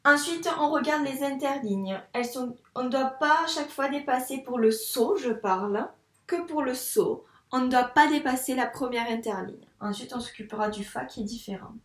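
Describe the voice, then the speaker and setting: A woman teacher from France giving a young child a handwriting lesson, spelling out sounds slowly and clearly, syllable by syllable. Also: sits high, roomy sound. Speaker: first-grade teacher.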